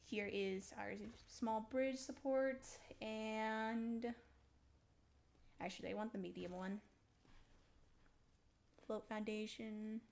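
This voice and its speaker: A young woman casually talking through her building in a video game, rambling slowly with lots of ums and little laughs. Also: on the high side, creaky. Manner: slow, rambling, giggly, full of ums. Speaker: streamer building in a survival game. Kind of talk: casual gameplay commentary.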